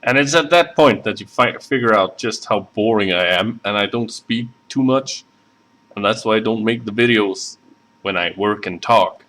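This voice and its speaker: At his hobby desk, a scale model builder chats on a casual live stream in a Southern accent, rambling and self-deprecating with many fillers. He talks at a normal speed in a lowish, fairly bright voice.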